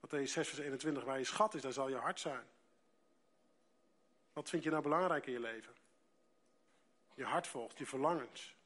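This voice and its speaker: A man from the preaching a sermon, reading scripture aloud and stressing key words by slowing down and rising in loudness. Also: medium pitch. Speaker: pastor.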